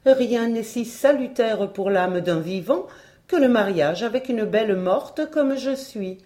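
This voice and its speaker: A woman's voice: on the high side, lively intonation, unhurried, warm tone. A woman voicing a demanding old witch spirit in a storybook reading, insistent and coaxing.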